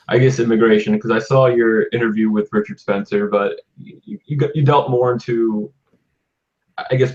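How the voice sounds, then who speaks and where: A man's voice: fairly low pitch, darkish tone, recorded from a distance, lo-fi sound. A man interviewing a guest, asking rambling, hedging questions.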